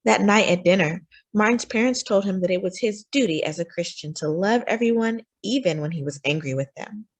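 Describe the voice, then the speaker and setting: A woman with a medium-pitched voice reads a children's picture book aloud as a story time host, phrasing things expressively and deliberately for young listeners.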